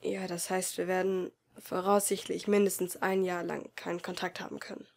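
A caring teenage boy speaks softly and falters as he hunts for words, read by a woman in a storybook audiobook. His voice stays low and uncertain, full of concern for his friend. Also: little pitch movement, moderate pace, gravelly. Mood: hesitant. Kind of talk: amateur audiobook reading.

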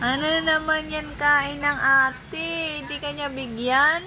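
A woman's voice: high-pitched, steady tone, slow pace, noisy background. A woman chatting playfully to her pet cat, teasing it and singing to it with bursts of laughter.

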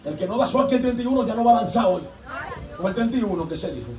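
A male preacher giving an animated sermon, acting out the voices of his congregation. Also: high voice, racing. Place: church hall. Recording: echoey hall from far off with music.

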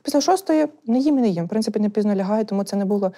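A young woman chatting candidly as a guest, telling stories in a rapid, animated way. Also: mid-range voice. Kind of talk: candid casual chat.

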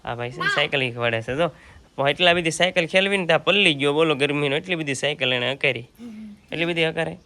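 A woman's voice: sits low, quick pace, pushed and bright. A woman from Gujarat, India, narrating a casual family vlog in a chatty way, coaxing a child to talk. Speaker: vlogger.

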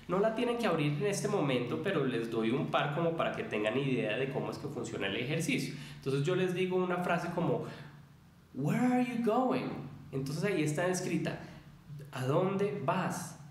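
Teacher type, male, fairly high voice, patient explainer who sings rhythm syllables to make a point. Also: roomy sound. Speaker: English teacher. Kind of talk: video lesson on English pronunciation.

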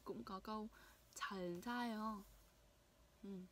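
A young woman from Vietnam giving a casual language lesson, repeating phrases slowly to demonstrate pronunciation. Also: mid-range voice, steady tone. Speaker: language teacher. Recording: faint background noise.

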